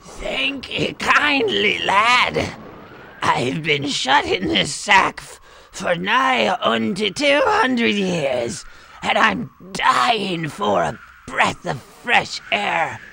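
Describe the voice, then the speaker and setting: A man voicing a cackling, hungry male skeleton in a storybook read-aloud, with drawn-out, old-fashioned speech. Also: sits high, big pitch swings, vocal fry, sharp tone, pitched above the performer's own voice, exaggerated voice. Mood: wheedling.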